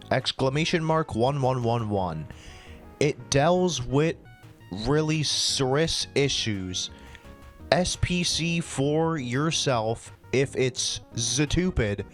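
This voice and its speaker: Man in an animated, comedic read-aloud. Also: medium pitch. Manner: swearing, breaking into laughter and exasperated asides. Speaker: channel host reading fan fiction aloud. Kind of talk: comedic dramatic reading.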